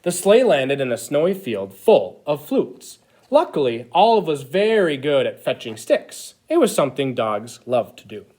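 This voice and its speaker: Man playing an animated, childlike Christmas elf storyteller. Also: medium pitch, moderate pace. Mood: eager storytelling. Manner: expressive, exaggerated, addressing children. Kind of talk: animated picture-book read-aloud.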